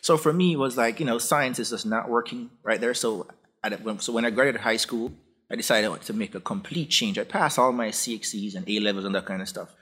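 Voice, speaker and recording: A man in his forties with a Jamaican accent, a professor guest recounting his path in a relaxed, anecdotal way with frequent restarts. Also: fairly low pitch, brisk, slightly rough. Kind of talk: conversational interview storytelling.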